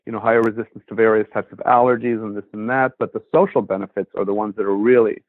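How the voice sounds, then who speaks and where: A man's voice: lowish voice, steady tone, fast, no echo. A man who trains dogs, talking casually on a podcast, rambling with many fillers. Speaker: dog trainer and podcast host. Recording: tinny phone line.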